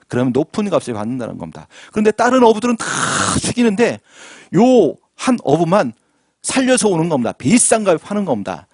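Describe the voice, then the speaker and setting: Man, pastor, sermon, lively pitch swings, call-and-response, dry close sound. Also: husky, dry recording. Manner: animated preaching with audience questions and call-and-response. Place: church sanctuary.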